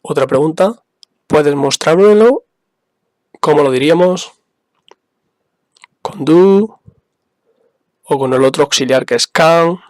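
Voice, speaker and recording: Guy teaching english basics real slow, patient, repeats stuff, dry close sound. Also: on the high side, darkish tone, dry recording. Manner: patient, spells out examples and repeats them. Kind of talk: slow, careful explanation for beginners.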